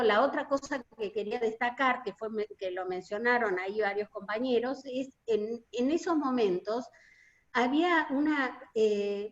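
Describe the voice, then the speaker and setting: A woman with an Argentine accent, a union delegate, earnestly recalling a protest march in an online meeting. She pauses often and fills gaps as she talks. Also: on the high side, muffled recording. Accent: Argentine Spanish. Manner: hesitant, many filler pauses, earnest. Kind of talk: reminiscing testimony in an online meeting.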